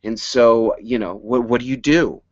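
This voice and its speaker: A man telling a personal story in an animated presentation, excitable and rambling, often laughing and breaking off mid-sentence. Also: medium pitch, moderate pace, dry recording. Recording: dry, slightly dull sound.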